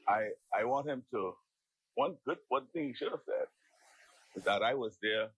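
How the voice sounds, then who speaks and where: A man with a Bahamian accent speaking in parliamentary debate, emphatic and repetitive, with halting phrasing. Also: medium pitch, expressive, a bit bright, breathy edge, no echo, low-quality recording. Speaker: member of parliament. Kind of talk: impromptu parliamentary debate speech. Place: legislative chamber.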